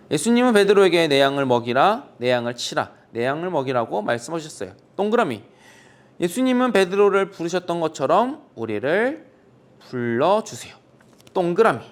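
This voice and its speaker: Man, children's worship quiz, cheerful, fairly high pitch, lively intonation, addresses kids. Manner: cheerful, speaks warmly to the children. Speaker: children's ministry teacher.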